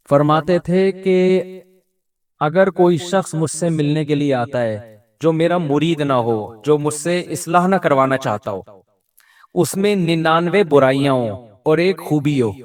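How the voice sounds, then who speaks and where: Preacher, male, Pakistani Urdu accent, high voice, chatty sermon delivery. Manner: conversational, acts out quoted people. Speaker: Islamic scholar. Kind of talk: religious sermon.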